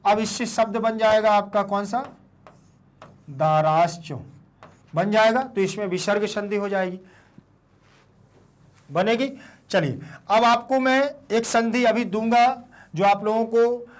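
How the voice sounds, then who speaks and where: High-voiced teacher, slow and repetitive. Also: male voice. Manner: slow, repeats answers as questions; spells out syllables one by one. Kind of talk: classroom explanation.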